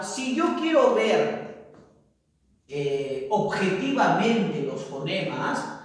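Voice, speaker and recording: A man teaching a classroom lecture to students, who keeps checking in with tag questions. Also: sits high. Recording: echoey room, far from mic.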